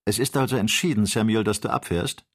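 A man's voice: lowish voice, a little fast. A man reading aloud, voicing a worried adult male hunter who pleads with his friend. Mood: pleading.

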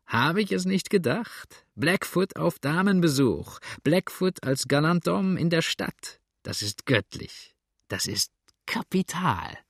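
A man's voice: mid-range voice, animated, normal speed, no echo, studio quality. A man putting on a vain, mocking rider. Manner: mocking, laughing tone.

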